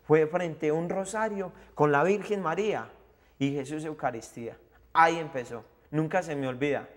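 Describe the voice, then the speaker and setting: A man's voice: a little high, normal speed. A young man with a Colombian accent giving an earnest personal testimony in an interview, acting out the voices of the people in it. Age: young adult. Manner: earnest storyteller, acts out the voices of people in his story.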